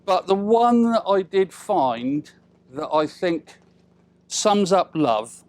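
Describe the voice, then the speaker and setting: This middle-aged British father of the bride keeps his wedding speech light and jokey, full of chatty teasing, pointed pauses and tag questions. His voice sits high with big pitch swings and a slightly mellow quality.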